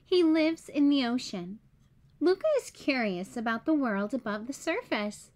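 A woman reads a children's picture book aloud as a storyteller, with clear, simple, expressive delivery. Her voice is high-pitched and a little slow.

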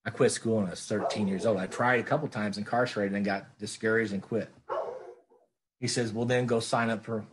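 A man's voice: fairly low pitch, steady tone, a little fast, background noise. A middle-aged man speaking at a recovery meeting, earnest and plainspoken, repeating phrases for emphasis.

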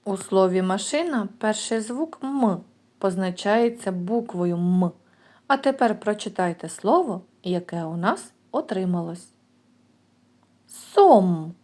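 A woman kindergarten teacher giving a recorded lesson to young children, sounding out words slowly and clearly. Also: mid-range voice, animated, a little mellow.

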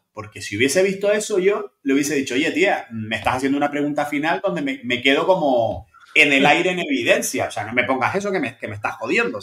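A man's voice: a little high, a bit bright. A man hosting a live stream as a criminologist, explaining body language and the case in a reflective, conversational way. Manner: explanatory, reflective, acts out short quotes. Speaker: criminologist and channel host. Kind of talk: casual live-stream commentary.

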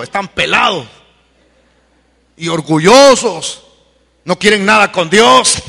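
A man preaching an evangelical sermon, fervent and repetitive, rising to shouted peaks. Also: high voice, gravelly, big-room sound. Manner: fervent, swings to shouted peaks, repeats calls to convert.

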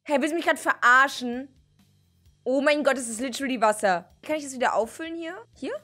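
Young female streamer, high and bouncy, excitable commentary with shrieks, light music underneath. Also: fairly quick. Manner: excitable, shrieks and exclaims at the game.

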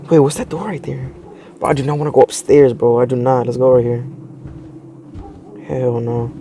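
A man's voice: medium pitch, fairly even intonation, moderate pace, mellow, slight background noise. A young man giving casual horror game commentary as a streamer, scared and jumpy, exclaiming and repeating himself. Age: young adult. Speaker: gaming streamer.

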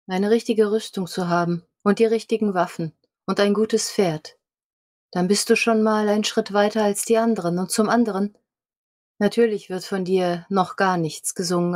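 A woman's voice: medium pitch, a little mellow. A woman playing a squire character in a tabletop role-play, speaking in a direct, challenging way. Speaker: player.

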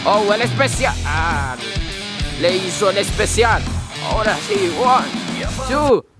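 An excitable male wrestling commentator, put on by a young man, pitched very high and drawn out in his delivery. He calls the match in exclamations and repeated interjections, with loud music behind him. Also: slow pace. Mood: excited.

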